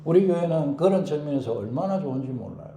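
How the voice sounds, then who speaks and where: A male pastor preaching a sermon in an animated way, acting out prayers and shouting for emphasis. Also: a little high, quick pace, echoey room, a little hiss or hum. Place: church.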